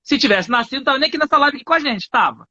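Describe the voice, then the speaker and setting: Emphatic high-voiced Brazilian man teaching. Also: animated, rapid-fire, pushed and bright, highs cut off. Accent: Brazilian Portuguese. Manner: emphatic, slangy, preachy. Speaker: English teacher and co-host. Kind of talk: live-stream lesson.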